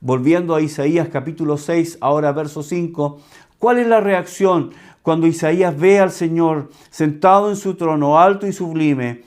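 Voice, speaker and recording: A man from Chile, a pastor, preaching a sermon with slow, emphatic teaching that repeats key words. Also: fairly high pitch, a little mellow.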